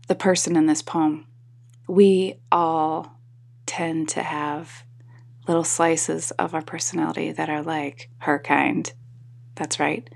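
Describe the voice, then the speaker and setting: A woman podcast host with a husky, sleepy morning voice, rambling casually to her listeners. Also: a little mellow. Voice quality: husky, slightly deeper morning voice. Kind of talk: casual solo talk to listeners.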